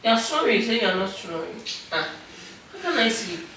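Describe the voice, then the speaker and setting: A woman's voice: mid-range voice, very animated, normal speed, fairly bright tone. A sleepy woman complaining in a casual domestic argument, repeating herself and exclaiming. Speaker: wife being pranked. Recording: echoey, distant mic, noisy room.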